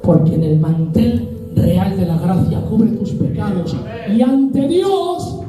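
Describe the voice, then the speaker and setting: A man's voice: high voice, lively intonation, slow, music in the background. A man with a Spain Spanish accent preaching a sermon, telling a story and acting out its scenes in different voices. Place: church. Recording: echoey church hall, mic at a distance.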